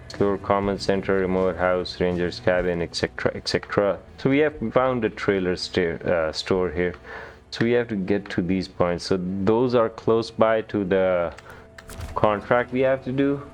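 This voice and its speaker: A man giving relaxed gameplay commentary, thinking aloud with hesitant restarts. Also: sits low, measured pace. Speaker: gamer.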